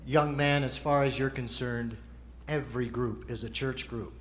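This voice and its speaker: A man's voice: medium pitch, steady tone, moderate pace, slight background noise. A man performing as a ventriloquist's straight man, asking patient, explanatory questions in a conversational stage routine.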